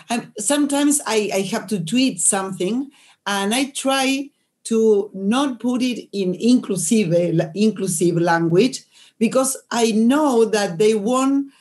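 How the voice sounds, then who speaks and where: A woman from Argentina, a native Spanish speaker, talks in English at a slow pace. She often gropes for words and restarts her sentences. Her voice comes over a video call in a webinar. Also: mid-range voice, a little mellow. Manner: searching for words, frequent restarts. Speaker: panel guest writer. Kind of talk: webinar discussion.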